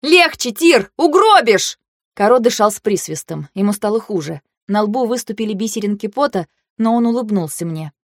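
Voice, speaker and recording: A woman narrating a fantasy audiobook in the first person, in an expressive, vivid way. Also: medium pitch, fairly quick, hardly any pauses, dry recording, clean studio sound.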